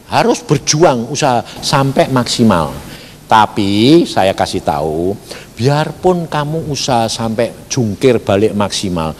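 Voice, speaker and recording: Man, pastor, folksy sermon, slow delivery, reverberant church hall. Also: a little hiss or hum. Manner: colloquial, folksy, dramatic swings in pitch.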